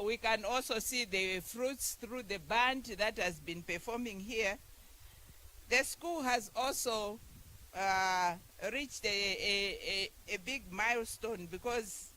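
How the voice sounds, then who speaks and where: A person with a Malawian accent giving a halting public speech at a ceremony, addressing the audience directly. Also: mid-range voice, bright, forceful tone, slight background noise, rough recording. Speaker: speaker addressing a graduation and anniversary gathering. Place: school celebration event.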